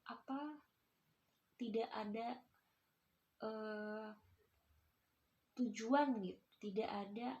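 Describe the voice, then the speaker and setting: A woman's voice: fairly high pitch, darkish tone, highs cut off. A young woman, a university student, giving a casual lesson and talking to her pupils as their teacher, with a chatty, explanatory manner and lots of filler tags. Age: young adult.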